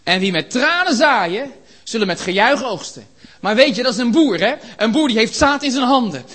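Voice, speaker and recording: A man preaching a sermon in a church, impassioned, building to shouts and rhetorical questions. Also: extremely high pitch, animated, normal speed.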